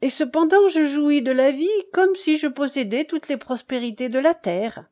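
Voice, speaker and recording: A woman's voice: high voice, normal speed, a little mellow, voice pushed up, natural voice. A woman reading as the breezy young Count d'Herfeuil. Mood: cheerful. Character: cheerful, frivolous young French count, man.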